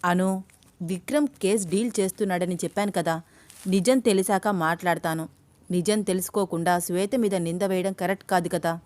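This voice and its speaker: A woman voicing a bold, teasing young man in love, in an audio story, in her own even voice. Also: on the low side, moderate pace, no room sound, lightly acted. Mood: persuading. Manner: coaxing, teasing.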